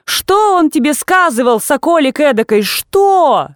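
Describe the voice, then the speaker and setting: A woman voicing a sharp, scolding old aunt. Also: animated, moderate pace, no room sound, studio quality, lightly acted. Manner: sharp, exclamatory, swings from low mutter to high cries. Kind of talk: audiobook character reading.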